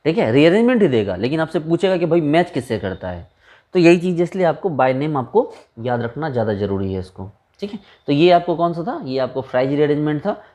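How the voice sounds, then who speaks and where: A man's voice: a little high, sing-song, a little fast, darkish tone. A man teaching a chemistry lecture in a casual, chatty way, asking rhetorical questions and calling students brother.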